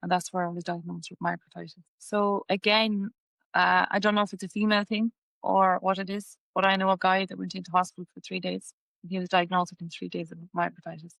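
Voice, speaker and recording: A woman's voice: lowish voice, level tone, a little fast, gravelly, a bit bright, no echo, rough recording. Podcast guest: woman, west of Ireland accent, personal storytelling, level intonation, dry recording. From Galway, west of Ireland. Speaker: podcast guest, patient advocate. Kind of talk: personal story told in an interview.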